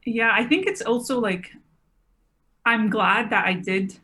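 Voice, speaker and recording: A woman's voice: on the high side, measured pace, bright, forceful tone. A woman in her twenties, a podcast guest, talking casually and rambling a little with lots of filler words. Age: 20s. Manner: chatty, rambling, many "like" fillers. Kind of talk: casual conversation.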